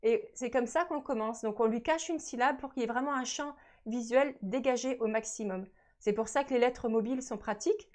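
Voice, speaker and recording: A woman's voice: fairly high pitch, brisk, a little mellow. A woman presenting an instructional webinar, patiently explaining and repeating her key points to parents. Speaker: webinar presenter on early reading.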